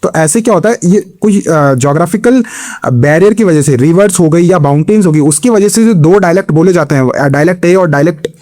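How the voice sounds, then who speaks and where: Indian-accented man, exam-prep lecture, slightly higher voice, self-answering questions, steady explanation. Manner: explains step by step, asks and answers own questions, frequent "theek hai"; reads English questions slowly and deliberately. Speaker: exam coaching teacher. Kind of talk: Hindi-English exam lecture.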